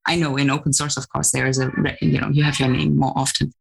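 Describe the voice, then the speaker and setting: Low-voiced woman professor explaining research. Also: level tone, vocal fry, husky. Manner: articulate, measured, academic. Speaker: professor, podcast guest.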